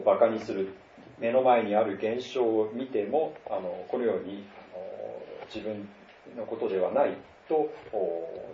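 A middle-aged man from northern Japan preaching a sermon in an easygoing, conversational way, pausing often with fillers. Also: medium pitch, a little hiss or hum. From Tohoku, Japan. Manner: conversational, many fillers and pauses. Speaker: pastor. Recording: roomy, distant, dull lo-fi sound.

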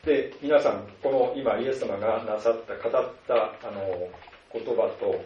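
A male pastor preaching a sermon at a measured pace, with many soft filler words between phrases. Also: fairly low pitch, a little hiss or hum. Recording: distant, roomy, dull lo-fi sound.

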